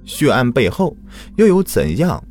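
A man's voice: mid-range voice, huge pitch swings, measured pace, a little mellow, faint music behind. A man narrating true crime from a script as a host, in a dramatic storytelling manner. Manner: dramatic storyteller with rhetorical questions.

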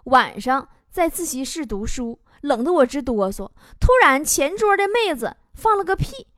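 Loud teasing woman host, high voice, lots of hiss behind, comic storytelling. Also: big pitch swings, moderate pace. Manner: brash, teasing, bursts into shouting. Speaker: talk show host. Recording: loud background noise.

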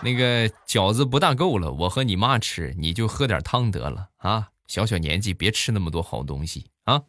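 A man's voice: lowish voice, animated, normal speed, loud music behind the voice, lightly acted. A man voicing his father as a stingy dad who teases matter-of-factly in a comic monologue. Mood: teasing.

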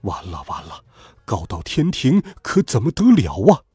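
A man's voice: mid-range voice, very animated, unhurried, mellow, slightly rough, dry recording, clean studio sound, faint music behind, full character voice. A man voicing an anxious middle-aged father and general in a storybook tale, speaking in a fawning, fretful way. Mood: dismayed.

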